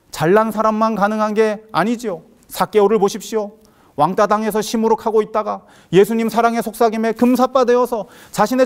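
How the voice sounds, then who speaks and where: A man preaching an earnest sermon as a pastor, swinging between loud emphatic lines and hushed quiet ones, with playful asides. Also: high voice. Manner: playful asides in spoken regional dialects.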